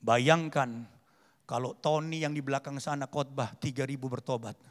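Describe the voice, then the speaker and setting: A male pastor preaching a sermon, swinging between loud fervent reading and low chatty asides. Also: steady tone, normal speed. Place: large convention hall. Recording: long hall reverb.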